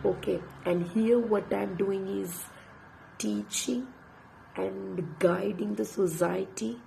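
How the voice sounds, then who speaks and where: Her throat sore and voice nearly gone, a Tamil-speaking English instructor reads aloud late at night in a slow, breathy half-whisper. The mid-range voice comes through a rough recording with a little hiss or hum.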